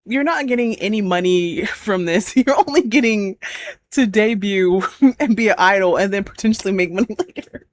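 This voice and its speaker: A woman's voice: mid-range voice, moderate pace, dry recording. A woman hosting a reaction video, chatting casually, exclaiming and laughing often as she reacts.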